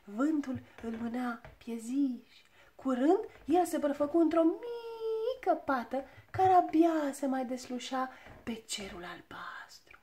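A woman storyteller narrating a children's audiobook with a lively, expressive reading. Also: sits high.

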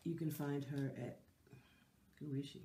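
Low and unhurried with vocal fry and fairly even intonation, this middle-aged woman hosts a lifestyle channel from a decorated living room. The room echoes with slight background noise, and her warm, chatty talk to camera sounds nasal from a cold, full of fillers and restarts.

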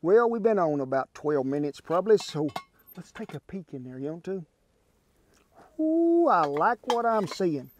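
A man's voice: high-pitched, sing-song, moderate pace, a little hiss or hum. A man in his sixties with a Southern US accent, hosting an outdoor camp cooking demonstration in a folksy drawl on a lapel mic. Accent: Southern US (Oklahoma). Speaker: cooking show host. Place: outdoor ranch camp by a pond, windy. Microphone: wireless lapel mic.

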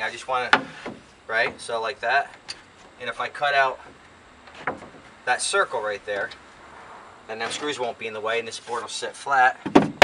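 This older American man, a DIY vlogger with a mid-range voice, rambles folksily to himself during a hands-on job inside an open cargo van beside a garage, outdoors. Captured by a camera mic a few feet away, the audio is distant, noisy, and full of clicks.

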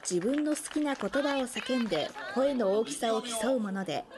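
A woman's voice: on the high side, animated, normal speed, over a noisy crowd. A young woman presenting scripted news narration as a television news presenter. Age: young adult.

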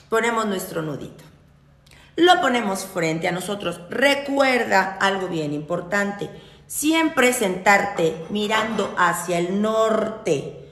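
A young Mexican woman teaching a witchcraft ritual in a chatty, teasing way, full of slang and quick laughs. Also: mid-range voice, vocal fry, a bit bright, roomy sound. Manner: chatty and salty, teasing her viewers with slang; laughs often at her own jokes. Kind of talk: casual spoken ritual tutorial.

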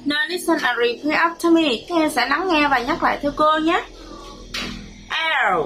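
A woman with a Vietnamese accent, a primary school English teacher, leading a bilingual children's lesson with slow, clear repeat-after-me drills. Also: high voice, fairly bright tone, faint music behind.

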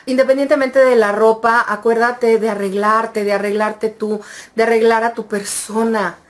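A woman vlogger giving casual, reassuring advice, speaking straight to her viewers in an affectionate way. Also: a little high. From Mexico. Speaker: vlogger and tarot reader.

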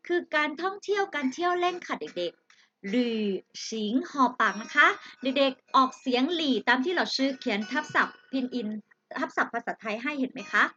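A woman's voice: high voice, bright, forceful tone, muffled recording. A woman teaching Chinese vocabulary to children. She speaks patiently, draws out each syllable and addresses the kids directly. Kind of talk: slow vocabulary lesson with repeat-after-me drills.

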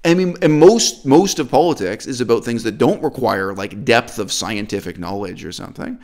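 A middle-aged man from Canada, hosting an opinionated discussion in an animated, emphatic and critical way. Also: mid-range voice, normal speed. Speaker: host.

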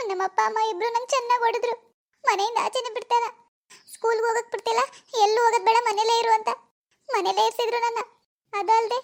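Cartoon teen schoolgirl, voiced by a woman: very high, fast, anxious hushed asides. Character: worried teenage village schoolgirl in love. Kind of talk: cartoon voice acting.

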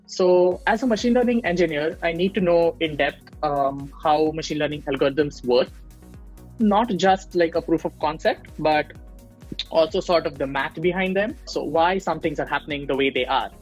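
In a casual interview on a video call, a young Indian man who works as a machine learning engineer explains his field, stumbling through fillers and restarts. He uses earbuds in a small room at home. His voice is on the high side and husky, at normal speed, and the audio is poor, with soft background music.

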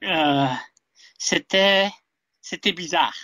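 A man being interviewed over a video call, talking hesitantly with frequent pauses. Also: sits high, sharp tone, dry recording, studio quality. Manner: hesitant, many fillers and restarts. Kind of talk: casual interview.

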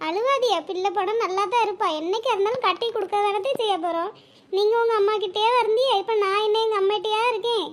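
A woman's voice: extremely high pitch, fast talker. A woman voicing a kind, reassuring young married woman in a cartoon, speaking in a firm, comforting way. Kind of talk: cartoon voice acting.

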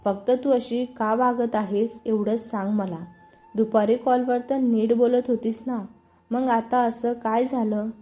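A woman's voice: on the high side, level tone, a little slow, mellow, soft background music, lightly acted. A woman reading a storybook, voicing an insistent, teasing young husband who keeps pressing firm questions.

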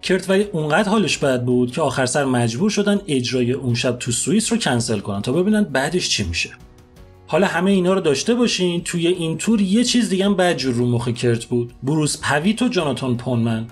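Husky man telling a story casually. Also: fairly high pitch, faint music behind. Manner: lively, colloquial, dramatic retelling. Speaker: podcast host and storyteller. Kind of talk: casual spoken storytelling podcast.

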